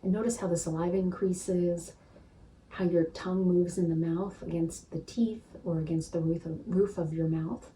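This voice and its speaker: A woman spiritual teacher leading a gentle guided practice, soothing and unhurried, often checking in with "right?". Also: fairly low pitch, steady tone, far from the mic, a little hiss or hum, rough recording.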